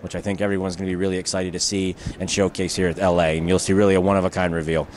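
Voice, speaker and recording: A man's voice: low-pitched, level tone, very fast, a little mellow, a little hiss or hum. A man in his thirties, an upbeat brand representative giving salesy interview answers on a busy show floor. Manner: upbeat, salesy, uses "uh" fillers. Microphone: handheld mic held by interviewer.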